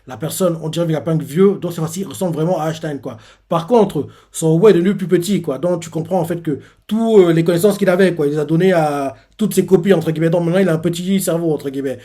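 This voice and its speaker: A man's voice: fairly high pitch, quick pace, few pauses, mellow. A man hosting a casual live manga reaction, rambling through the chapter with lots of fillers and restarts.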